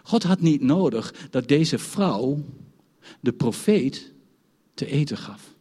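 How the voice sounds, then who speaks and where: A man's voice: medium pitch, animated, slow pace, mellow, breathy edge, big-room sound. A man preaching a sermon, telling a story from his childhood and building to emphatic points.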